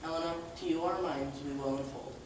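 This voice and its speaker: A man's voice: a little high, fairly even intonation, fairly quick, slight background noise, natural voice. A man playing an earnest young lover. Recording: echoey hall, far mic, clicks.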